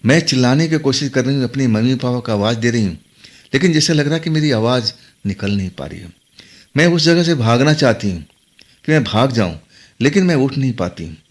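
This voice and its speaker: A man's voice: mid-range voice, expressive, brisk. A man narrating a horror story in the first person, dramatic and tense.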